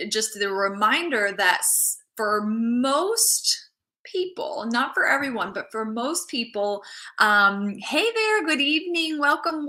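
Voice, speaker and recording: This is a mindset coach running an informal live stream, her mid-range voice bright and pushed. She rambles casually, begins phrases over again, and welcomes people as they come in.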